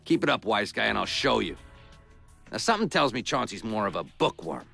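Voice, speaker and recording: A tough, sarcastic male agent in a video game cutscene, grilling a suspect. The voice is gravelly and husky with a bright, tense edge. It swings up and down a lot as he threatens and jokes. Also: lowish voice, big pitch swings, fairly quick, soft background music, full character voice. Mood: wisecracking. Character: gruff tough-guy male agent, wisecracking. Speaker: interrogating agent.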